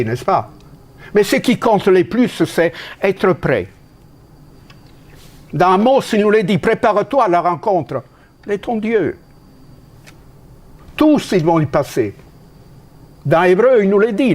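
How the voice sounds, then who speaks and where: This is a sermon from a man from Italy, delivered emphatically in an Italian accent and a darkish tone. Sudden rises and falls in pitch mark his speech, along with halting restarts.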